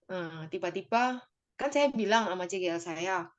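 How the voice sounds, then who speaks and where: A woman's voice: on the low side, lively intonation, normal speed, highs cut off. A woman giving a personal testimony to her church group, talking conversationally and emotionally, with many fillers and tag phrases, and speaking directly to her listeners.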